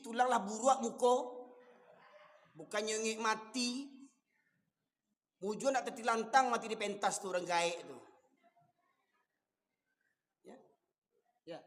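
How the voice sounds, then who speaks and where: A man with a Minangkabau accent, preaching a fiery, scolding sermon that rises to shouts. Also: extremely high pitch. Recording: long hall reverb.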